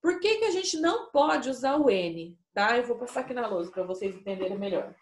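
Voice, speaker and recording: A woman teacher with a Brazilian Portuguese accent giving a recorded lesson to young pupils, explaining slowly and patiently and often checking that they follow. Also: fairly high pitch, sing-song. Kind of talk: recorded remote class lesson. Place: classroom with a whiteboard. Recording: echoey room.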